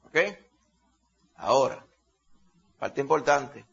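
A man's voice: medium pitch, takes it slowly, vocal fry, slightly rough. A man preaching a Bible teaching sermon in a conversational, folksy way, often checking in with his listeners. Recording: dull lo-fi recording.

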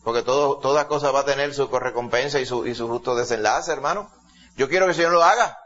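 A man's voice: mid-range voice, fast, a bit bright. A man preaching a sermon in an emphatic way, often calling his listeners brother. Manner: emphatic, keeps addressing listeners as "hermano". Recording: dull lo-fi recording.

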